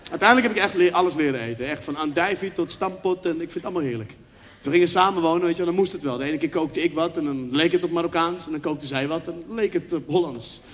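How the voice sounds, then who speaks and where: High-voiced young man doing stand-up. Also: fast talker. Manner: animated storytelling, acts out dialogue and sound effects. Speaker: comedian. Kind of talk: stand-up comedy. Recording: reverberant venue with faint background noise.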